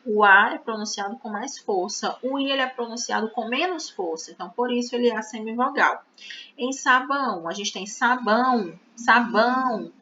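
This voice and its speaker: A woman's voice: fairly high pitch, fairly quick, pushed and bright, slight background noise. A woman teaching a grammar lesson, explaining step by step and checking in with her students. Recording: slightly dull, lo-fi audio.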